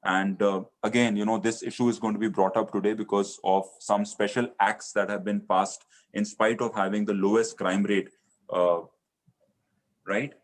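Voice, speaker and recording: A man with an Indian accent hosting a live session, presenting and introducing a guest in a hesitant, halting way. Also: lowish voice, little pitch movement.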